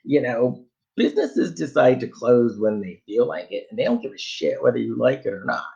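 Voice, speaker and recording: A man's voice: medium pitch, sing-song, normal speed, vocal fry, dark tone, lo-fi sound. A man voicing a local friend who explains things in an offhand, matter-of-fact way. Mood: breezy. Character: breezy local man shrugging off rudeness.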